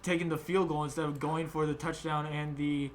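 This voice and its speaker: A man's voice: fairly high pitch, flat delivery, brisk, slight background noise. A young man hosting a casual sports chat, rambling with many fillers and restarts. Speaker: podcast host.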